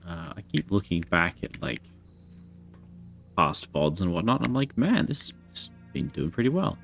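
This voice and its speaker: Rambling man with a gravelly low voice. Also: very animated, normal speed, fairly bright tone, faint music behind. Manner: rambling, chatty, self-deprecating. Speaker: streamer. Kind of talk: casual live-stream chat.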